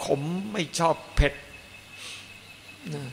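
A man's voice: extremely slow, fairly bright tone. A man, a Buddhist monk teacher, giving a dharma talk and stressing points by piling up repeated phrases. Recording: echoey hall, faint noise.

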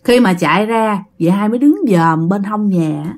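Her voice is medium in pitch and a little mellow, moving at a normal speed, as this Southern Vietnamese woman narrates a ghost story. She talks in a chatty way and regularly speaks straight to the people listening.

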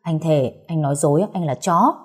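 A woman's voice: low-pitched, a little fast, slightly rough. A woman voicing a doting young husband who jokes and boasts to his wife in an audiobook story. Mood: joking. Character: doting joking young husband, tough man.

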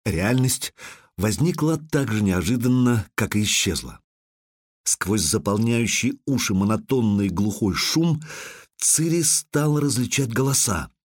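A man narrating a fantasy audiobook with dramatic delivery, slowing down on violent moments, close on a microphone. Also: lowish voice, lively intonation, no room sound.

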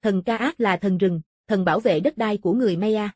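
A woman's voice: medium pitch, a little fast, a little mellow, no room sound, studio quality, lightly acted. A woman reading the lines of a curious male former lawyer turned explorer of ancient ruins, in a thoughtful, explaining manner. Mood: musing.

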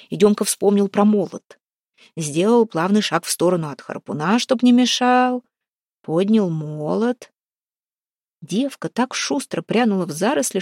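A woman reading a folk-tale novel aloud as an audiobook narrator, with brisk, suspenseful storytelling. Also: medium pitch, darkish tone, no echo, studio quality. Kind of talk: scripted narration.

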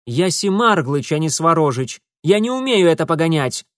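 A man voicing a nervous gentleman who yells in panic in an audiobook. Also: fairly high pitch, big pitch swings, normal speed, no room sound, studio quality, voice pushed up. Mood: panicked. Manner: frantic, yelling. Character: panicked nervous nobleman, out of his depth. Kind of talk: audiobook character voice.

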